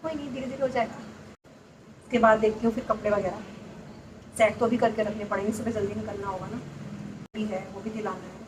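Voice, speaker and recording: A soft-spoken woman in her thirties chatting casually and confidingly to her viewers in a home vlog. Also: medium pitch, fairly even intonation, fairly quick, pauses often. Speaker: vlogger. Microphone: clip-on mic, often away from it. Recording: roomy, distant, noisy home recording. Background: machine running on the gas stove.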